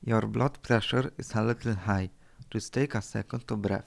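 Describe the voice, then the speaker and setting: An actor playing a wiry, gray-haired older ship's doctor with a heavy Polish accent, clinical and reassuring. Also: male voice, on the low side, steady tone, normal speed, creaky.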